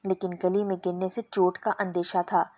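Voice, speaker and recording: A woman's voice: fairly low pitch, level tone, darkish tone. Woman narrating a first-person story.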